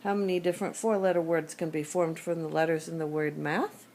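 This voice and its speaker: A math teacher with a sore throat walks through problems one step at a time in a screencast lesson. Her voice sits low and mellow. A faint hiss runs under it. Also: fairly quick. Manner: steady step-by-step explaining, thinking aloud. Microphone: tablet screencast recording.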